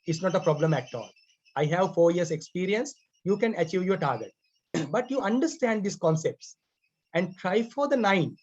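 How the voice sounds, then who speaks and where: Sri Lankan male English teacher, native Sinhala, accented; repetitive, throat-clearing lecture; muffled lo-fi sound. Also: high voice, animated, moderate pace, a little mellow, slight background noise. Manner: repeats key phrases, clears throat often. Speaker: IELTS writing teacher. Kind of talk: explanatory lecture. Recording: dull lo-fi recording.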